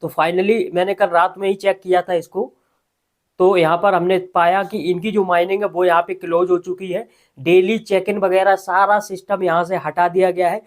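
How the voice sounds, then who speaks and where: A man's voice: high voice, little pitch movement, normal speed. A man, talking casually as host of a tutorial voice-over, often adding "ठीक है". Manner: conversational, repeats filler "ठीक है". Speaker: crypto news host. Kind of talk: screen-recorded tutorial voice-over.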